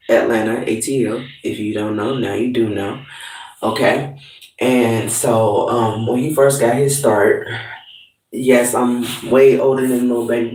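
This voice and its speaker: A man talking off the cuff in a loose, profane, rambling way, full of "uh" and "like". His voice sits at an everyday middle pitch. It bounces around a small hollow bathroom, and the mic is set back from him. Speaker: host of a livestreamed talk show. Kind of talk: casual monologue to live viewers. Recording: hollow echoey room, distant mic.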